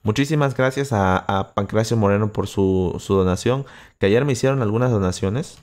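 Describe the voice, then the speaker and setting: A man's voice: fairly low pitch, normal speed, darkish tone. A young man from Acapulco with a coastal Guerrero Mexican accent, chatting casually on a livestream with many fillers and restarts, close to the microphone. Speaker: livestream host answering chat.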